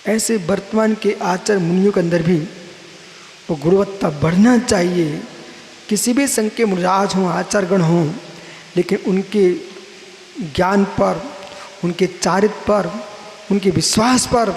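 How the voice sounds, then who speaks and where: Man, Jain monk, sermon, very high voice, unhurried, teaching grammar and word roots, reverberant hall. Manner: teaching, explains Sanskrit grammar and word roots, asks and answers his own questions. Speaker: Jain monk giving a discourse. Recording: roomy hall echo with faint hiss.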